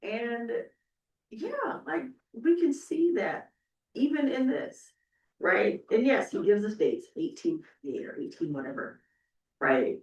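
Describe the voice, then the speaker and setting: Her voice sits on the high side with big pitch swings, slow and a little mellow, and the audio is dull. She's an oral historian speaking conversationally on a panel, emphatic and often saying "right?", captured by a distant mic in an echoey event room.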